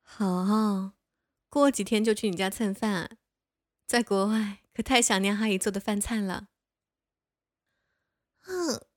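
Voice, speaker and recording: A woman's voice: medium pitch, no room sound, clean studio sound. A young woman voicing a bossy but caring older neighbor woman who scolds and coaxes the listener in a one-sided audio role-play. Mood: caring, scolding. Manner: playful scolding, coaxing.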